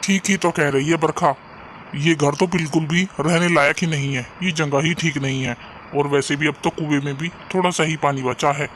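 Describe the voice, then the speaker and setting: A man's voice: fairly high pitch, fairly even intonation, moderate pace, fairly bright tone, a little hiss or hum, natural voice. A man voicing a poor young junk seller in a cartoon story, earnest and caring, sometimes despairing. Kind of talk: cartoon voice acting.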